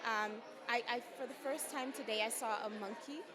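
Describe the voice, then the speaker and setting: Pageant contestant, woman, slightly high voice, loud and earnest, crowd chatter behind. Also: moderate pace. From Jamaica and the United States. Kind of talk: media interview answers.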